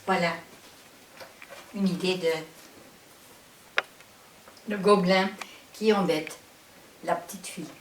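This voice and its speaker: A woman with a Flemish Dutch accent gives an instructional introduction as a trainer. She talks slowly in careful, halting phrases, as a non-native speaker does. The sound is roomy and a bit distant from the microphone, with faint hiss. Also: lowish voice, fairly even intonation. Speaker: psychotherapist trainer and presenter.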